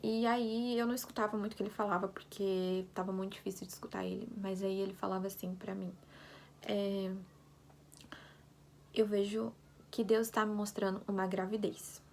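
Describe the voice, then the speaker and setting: Young woman, vlogger, intimate testimony, soft and hushed, faint hiss behind. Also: medium pitch, level tone, normal speed, creaky. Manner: soft-spoken, often drops to a near whisper, fillers like "gente" and "sabe". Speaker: vlogger sharing a faith story. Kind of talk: personal testimony, casual storytelling.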